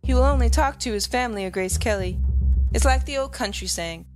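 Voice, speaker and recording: A woman playing a matter-of-fact granddaughter who insists with flat deadpan calm. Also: a little high, brisk, soft background music, lightly acted.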